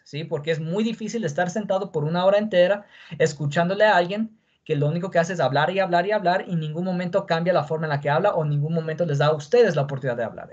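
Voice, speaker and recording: A man's voice: high voice, muffled recording. Man teaching with frequent check-in questions. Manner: explains patiently, checks in with questions. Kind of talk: classroom lesson.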